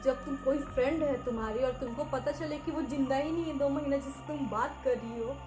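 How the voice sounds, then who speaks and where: High-voiced woman chatting in a roomy echo. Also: fairly quick. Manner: chatty, mixes English words into Hindi. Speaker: co-host. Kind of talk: casual horror story chat. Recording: roomy echo, music underneath.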